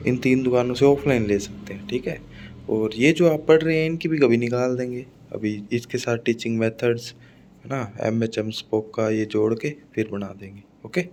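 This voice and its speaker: A man with a Rajasthani Hindi accent teaches an exam-prep phonetics lesson in a medium-pitched voice. He drills each example word over and over. He keeps checking in with his students as he goes. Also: darkish tone, a little hiss or hum. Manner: explains by repeating words and asking "है ना". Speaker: English teacher.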